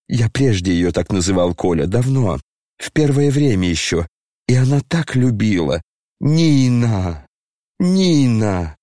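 A man voicing a maudlin, grandiose old retired general, speaking slowly and declaiming in lament, in an audiobook reading. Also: fairly low pitch, darkish tone, no echo, clean studio sound.

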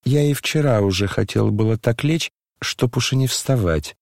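A man reading an audiobook voices a frail dying young man, hoarse, quiet and tired, almost whispering. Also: mid-range voice, moderate pace, no echo, clean studio sound, lightly acted. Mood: quiet, weary.

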